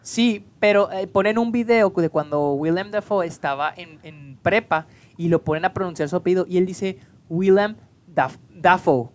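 A young Mexican man with a Mexican accent, co-hosting a casual podcast chat and telling stories in an animated way with many restarts. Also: sits high, normal speed, few pauses. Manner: chatty, animated storytelling with restarts. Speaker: podcast co-host.

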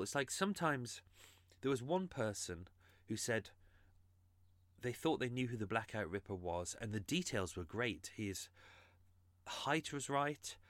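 A man's voice: mid-range voice, no room sound. A man hosting a true crime podcast, explaining his research in an earnest, casual monologue.

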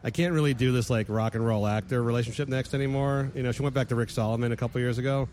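A man co-hosting a loose, comedic conversation. He talks at a brisk clip, animated and laughing often, with a voice of ordinary middle pitch. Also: slight background noise. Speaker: podcast co-host. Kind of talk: casual comedic chat.

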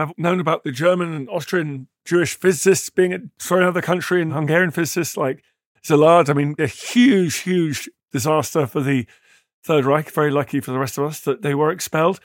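A man's voice: fairly high pitch, no echo, studio quality. A man hosting an interview, asking questions and answering in a reflective, emphatic way. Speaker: host.

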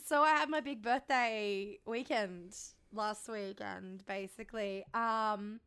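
An Australian woman co-hosting a podcast, hoarse and congested with a cold, telling frank, sweary, self-mocking anecdotes in casual chat. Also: medium pitch, takes it slowly, a bit bright. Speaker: podcast co-host.

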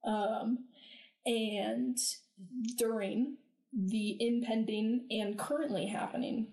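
A woman's voice: fairly high pitch, steady tone, slow, vocal fry, mellow. A woman co-hosting a podcast in casual chat, rambling with many fillers and restarts. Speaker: podcast co-host. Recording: roomy echo.

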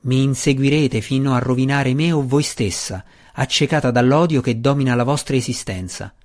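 A man doing a calm, resolute dark elf. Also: medium pitch, moderate pace, natural voice. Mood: defiant. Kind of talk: audiobook character reading.

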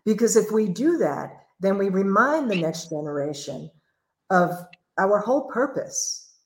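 A woman's voice: mid-range voice, lively intonation, unhurried, reverberant, poor audio. A woman hosting a livestream conversation, telling stories in an earnest, reflective way. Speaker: livestream host.

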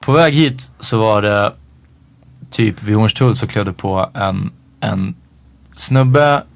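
A man's voice: on the low side, gravelly, a little hiss or hum. Man telling a story with animation. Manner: animated storytelling, mixes English slang. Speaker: podcast co-host. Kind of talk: casual chat.

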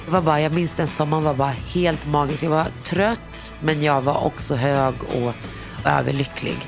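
Candid gravelly-voiced woman in her thirties. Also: sits low. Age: 30s. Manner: frank, emotional, acts out quoted dialogue. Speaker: guest telling her own story. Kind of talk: personal storytelling. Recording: music playing underneath.

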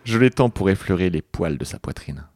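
Man, podcast co-host, playful mock-dramatic reading, deep voice. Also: lively intonation, a little fast, darkish tone. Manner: joking, laughs often, mock-dramatic reading. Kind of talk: comic book reading with banter.

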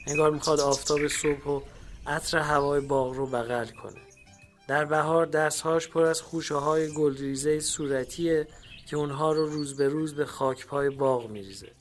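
A man narrating a literary memoir in a measured, storytelling reading. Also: fairly high pitch. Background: faint background music.

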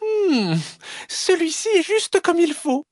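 Blanchette, un homme jouant une petite renarde aiguë. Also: male voice, very animated, slow, no echo, clean studio sound, heavily acted. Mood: fussy, delighted. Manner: high squeaky voice, drawn out.

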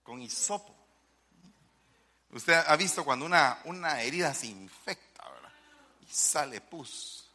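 Bright-voiced, animated male preacher. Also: a little high, a little slow. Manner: animated, rhetorical questions to the congregation. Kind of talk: sermon.

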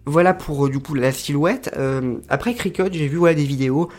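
A man explaining crafting tools casually to his viewers, hesitant and pausing often to search for words. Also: a little high, a little mellow, soft background music. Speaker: crafting video creator. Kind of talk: casual explanatory talk to camera.

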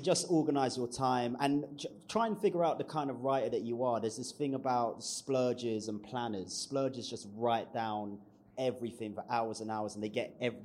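A man's voice: mid-range voice, a little mellow, slight background noise. A man on a writers' panel, chatting informally with street slang and humour. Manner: informal, uses slang like "innit" and "ain't". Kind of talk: live panel discussion.

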